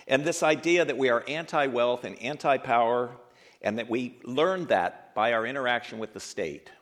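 A man in his sixties giving a speech to an audience, telling his life story in an earnest, reflective way and slowing down to stress key points. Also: medium pitch. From grew up in Ethiopia and the United States. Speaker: guest speaker.

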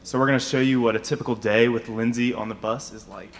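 A young man with a mid-pitched voice presents to an audience in a matter-of-fact way. His delivery is halting, and the hall adds long reverb over faint noise. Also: steady tone. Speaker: student presenter.

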